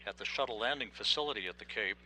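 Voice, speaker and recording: An American man giving formal, measured live commentary on a spacewalk as a mission control announcer. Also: lowish voice, a crowd in the background, rough recording. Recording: bright feed with faint hum.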